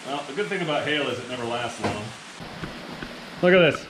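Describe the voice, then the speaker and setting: A man's voice: mid-range voice, lively intonation, brisk, background noise. A man hosting a motorcycle vlog, chatting casually to camera in a playful, self-deprecating way.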